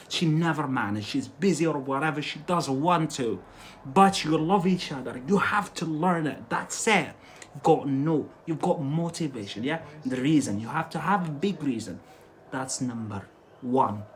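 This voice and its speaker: A slightly noisy recording captures an Algerian man, a native Algerian Arabic speaker, giving an informal live English lesson in a voice on the high side. He speaks emphatically and repeats himself, frequently checking in with "yeah?" and "that's it".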